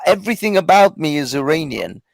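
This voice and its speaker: A man originally from Iran argues his case with force and frequent swearing, repeating lines to drive them home. His voice sits high for a man and has a gravelly edge. The sound is dry and close. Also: very animated, fairly quick, no echo. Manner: forceful, profane, repeats himself to press a point. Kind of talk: heated casual debate.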